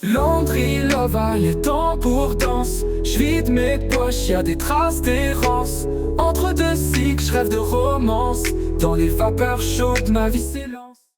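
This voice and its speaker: A woman's voice: on the high side, slow, over loud music. A woman rapping rhythmically over a beat. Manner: rhythmic rapped delivery. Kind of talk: rap song over a beat. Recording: loud hip hop backing track.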